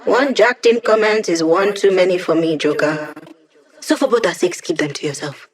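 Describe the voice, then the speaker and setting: A woman's voice: on the low side, moderate pace, natural voice. A woman playing a young tech hacker in a video game, talking in a playful, sardonic, casual and slangy way. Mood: dry, warning. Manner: sassy, casual, teasing, slangy.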